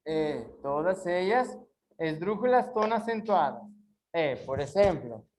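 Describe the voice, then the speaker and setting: A woman's voice: on the low side, expressive, a little slow, a little mellow, a little hiss or hum, poor audio. A woman teaching an online class, explaining patiently and drawing out words syllable by syllable. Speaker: Spanish teacher.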